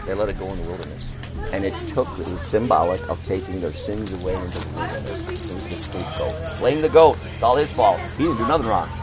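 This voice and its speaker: This low-pitched man talks fast over background music. He is a street preacher with a booming, loud voice, declaiming emphatically and firing off rhetorical questions in a heated open-air discussion.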